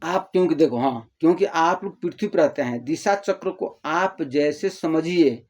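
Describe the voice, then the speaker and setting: An older man explaining in a casual, rambling way, repeating himself and acting out the listeners' replies in a softer voice. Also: fairly high pitch, lively intonation, normal speed. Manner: addresses listeners as "babu". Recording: dull lo-fi audio.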